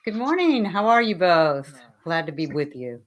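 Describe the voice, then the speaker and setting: A woman appearing as a guest commentator on a talk show, brisk and quick to laugh. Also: on the low side, big pitch swings. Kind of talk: casual political talk show chat.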